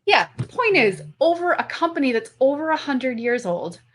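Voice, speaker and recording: A woman's voice: high-pitched, moderate pace. Chatty woman guest, lots of fillers. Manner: animated, filler-heavy, restarts sentences. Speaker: guest, company representative. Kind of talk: casual conversational interview.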